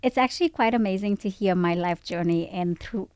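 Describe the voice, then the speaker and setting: A woman in her forties who grew up in Poland, a podcast guest speaking in a thoughtful, measured way with frequent pauses. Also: medium pitch, darkish tone, clear, resonant tone, no room sound. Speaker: guest, public health researcher. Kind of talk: podcast interview. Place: studio set with a couch.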